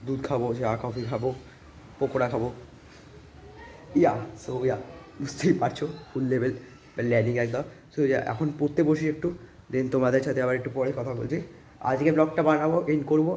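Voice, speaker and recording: A man walks around his home in a casual vlog, showing the place off and rambling with scattered English fillers. His medium-pitched voice has a darkish tone, with slight background noise.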